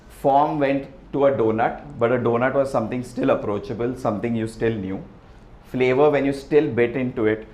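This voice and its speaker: A man giving a relaxed, chatty presentation to an audience, often asking "right?". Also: medium pitch. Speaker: restaurant founder giving a talk. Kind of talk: presentation with slides. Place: event hall with an audience. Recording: echoey hall, faint ambience.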